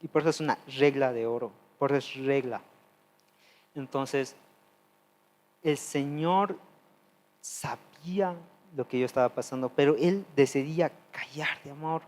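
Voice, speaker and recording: At a normal pace, a man preaches his testimony earnestly and confessionally, moving from loud pleading to soft, low asides.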